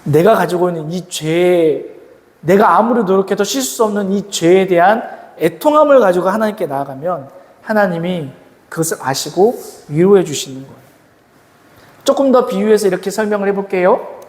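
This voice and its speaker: A man's voice: sits high, normal speed. A man preaching to teenagers as a youth pastor, often asking the audience questions. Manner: lively, asks the audience questions and acts out quoted voices. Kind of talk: sermon to teenagers. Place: church hall. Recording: echoey hall with long reverb.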